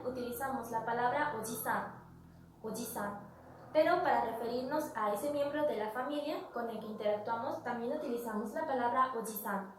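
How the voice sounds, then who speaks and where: Patient female language teacher, repeats each term; bright-ish voice, echoey room, mic at a distance. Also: high-pitched, a little hiss or hum. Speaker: Japanese teacher. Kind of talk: vocabulary lesson.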